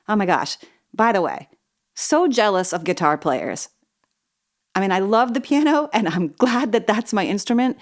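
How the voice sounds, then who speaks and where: A woman's voice: lowish voice, a little mellow. A woman hosting her own podcast, telling a personal story in a chatty, self-deprecating way that wanders off on tangents, slightly wheezy from asthma. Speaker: podcast host.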